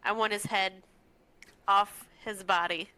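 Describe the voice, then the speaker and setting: A woman playing in a tabletop game, eager and laughing easily as she plays her turn. Her voice is bright and tense, with a smooth, crisp clarity. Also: medium pitch, fairly even intonation, slow. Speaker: player. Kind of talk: casual play chat.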